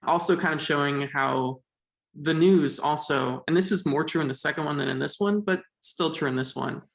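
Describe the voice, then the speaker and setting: A man's voice: on the high side, moderate pace, vocal fry, a bit bright. A man thoughtfully analyzing a film's themes in casual conversation, thinking aloud with fillers. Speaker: podcast co-host. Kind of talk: casual film discussion. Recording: echoey room.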